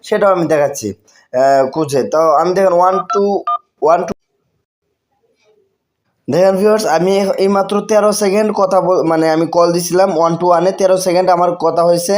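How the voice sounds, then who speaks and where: Pausing often at a moderate pace, a Bangladeshi-accented man with a high, darkish voice walks viewers through a casual tech tutorial recorded on screen. He tends to repeat phrases and mixes English words into his speech.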